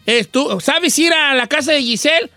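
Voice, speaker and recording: A man's voice: very high-pitched, normal speed, over music. A man with a western Mexican accent hosting a casual radio chat, acting out quoted dialogue as he tells stories. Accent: Mexican, western (Michoacán area). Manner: animated storyteller, acts out quoted dialogue. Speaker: radio host.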